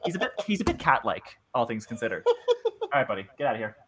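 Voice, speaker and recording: Lively, bright-voiced game master. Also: male voice, medium pitch, racing. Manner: chatty, filler-heavy, laughs often. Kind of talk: narrating a tabletop horror game.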